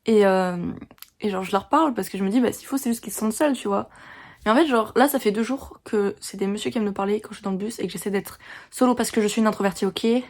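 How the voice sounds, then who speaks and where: A teenage girl from France telling a story in a chatty, animated vlog, venting about her day. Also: mid-range voice, quick pace. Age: teens. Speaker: vlogger.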